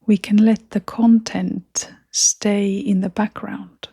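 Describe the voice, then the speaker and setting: This woman reads a scripted guided meditation at a medium pitch, near-whispering, breathy and soft, calm and soothing, leaving long pauses. Her tone stays level, and the studio-quality recording is dry.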